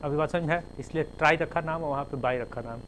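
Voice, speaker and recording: Male lecturer, slightly high voice, methodical classroom delivery, spells terms out, faint room noise. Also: fast, a bit bright, poor audio. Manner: spells terms letter by letter, explains with everyday examples. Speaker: teacher.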